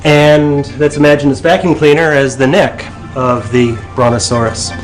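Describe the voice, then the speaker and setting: A man's voice: fairly high pitch, little pitch movement, moderate pace, loud music behind the voice, rough recording. A male researcher explaining his work in an unscripted documentary interview.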